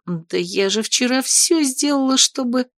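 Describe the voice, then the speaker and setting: A woman reading an audiobook, voicing a spirited young woman who answers in quick, startled questions. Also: sits high, lively intonation, no echo, clean studio sound, voice pushed up. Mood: exasperated. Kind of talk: audiobook character voice.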